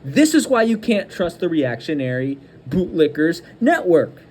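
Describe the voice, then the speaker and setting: This political commentary host has a slightly high, sing-song, somewhat mellow voice and speaks a bit slowly, with slight background noise behind him. He's angry and combative, flinging insults and repeating himself to hammer each point.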